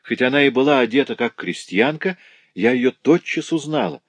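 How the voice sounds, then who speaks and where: A man raises his medium-pitched voice above his own natural register to play a cheerful, tender-hearted young working woman in an audiobook. She chatters eagerly and emotionally, delivered at a moderate pace with lively intonation and no echo.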